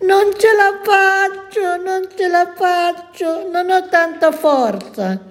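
A woman voicing a small, kind wild male rabbit who comforts his friend in a soft, reassuring tone, in a children's storybook reading. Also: high-pitched, expressive, takes it slowly, voice pushed up. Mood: straining.

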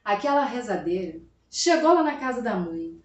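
A woman's voice: a little high, very animated, normal speed. A woman telling a folk tale dramatically, often turning to address her listeners. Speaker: storyteller. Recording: roomy, from a distance.

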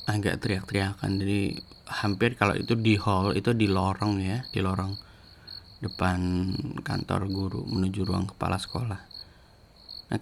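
A man's voice: lowish voice, creaky, a little hiss or hum. A man casually telling a story from his school days, rambling with restarts. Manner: rambling, with many restarts and fillers.

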